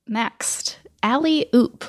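A woman hosting a casual quiz, briskly reading out the questions. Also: a little high. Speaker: quiz host. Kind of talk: casual chat.

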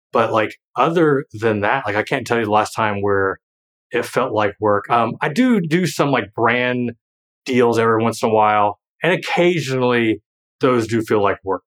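A man in his thirties, a former financial planner turned creator, chats casually as a guest in a podcast conversation. His voice is fairly low with a fairly bright tone. He rambles with lots of fillers and restarts and laughs often.

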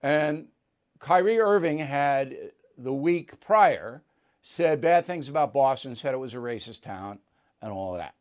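A man's voice: medium pitch, expressive, unhurried. A man hosting an opinionated commentary monologue, emphatic and repeating words for punch. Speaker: host.

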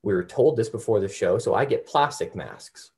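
A man's voice: lowish voice, expressive, moderate pace, creaky, darkish tone. A man speaking as a comedian guest in a casual interview, griping in a wry, blunt way.

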